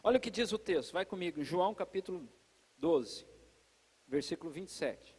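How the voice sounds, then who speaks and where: A man with a high voice preaches at a church service in a lively, conversational way, talking straight to the congregation. His voice rings out with a long reverb that hangs in the big hall. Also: normal speed, husky. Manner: lively and chatty, addresses the congregation directly. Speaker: pastor. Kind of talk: conversational sermon.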